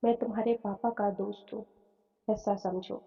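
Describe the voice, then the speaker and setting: A woman's voice: medium pitch, steady tone, normal speed, creaky, slightly rough. A woman voicing a kindly, well-off older man who employs the bride's father, speaking in a reassuring, fatherly way. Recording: phone-like tone, long reverb, soft music.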